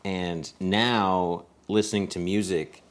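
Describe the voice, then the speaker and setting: A young man co-hosts a casual chat, rambling and reflective as he searches for his words. His voice is very deep and low. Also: fairly even intonation, slow pace, clear, resonant tone. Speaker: co-host.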